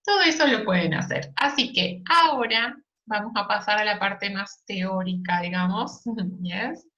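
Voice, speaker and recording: A woman teaching an English lesson, explaining slowly and patiently and checking in often with "yes?" and "ok?". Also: medium pitch, bright, forceful tone, muffled recording. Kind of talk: recorded online lesson.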